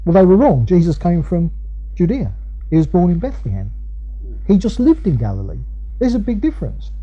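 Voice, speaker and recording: A man's voice: high-pitched, very animated, brisk, dull audio, soft background music. A man with an Essex accent preaching in a conversational, emphatic way, repeating key phrases and acting out the arguments he quotes. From Essex, England. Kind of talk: conversational expository sermon.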